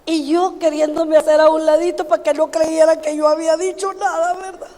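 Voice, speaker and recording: A woman's voice: extremely high pitch, little pitch movement, fairly quick, dark tone, big-room sound. An older woman, preaching a sermon through funny, folksy stories told to the congregation. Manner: anecdotal, humorous, folksy asides to the congregation. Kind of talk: sermon with storytelling. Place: church.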